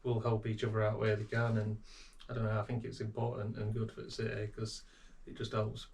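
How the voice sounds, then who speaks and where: A man's voice: lowish voice, completely flat delivery, fairly quick, darkish tone. Chatty man hosting a podcast. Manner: chatty and loose, lots of fillers and restarts. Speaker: podcast host. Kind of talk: casual chat. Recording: noisy podcast recording.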